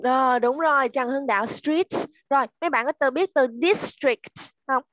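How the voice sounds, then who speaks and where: A woman teaching children English online, slowly repeating words to drill pronunciation. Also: high voice, a bit bright, no echo. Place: at home.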